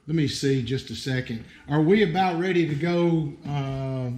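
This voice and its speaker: A man's voice: on the high side, measured pace, darkish tone. Folksy man with an Appalachian accent. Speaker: livestream host. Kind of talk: casual live explanation to viewers.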